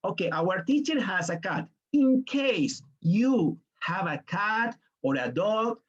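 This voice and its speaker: A Colombian man running an online teaching workshop speaks slowly and expressively in a high voice, his Colombian Spanish captured on lo-fi sound. As a teacher trainer, he breaks explanations into steps and now and then voices students and parents.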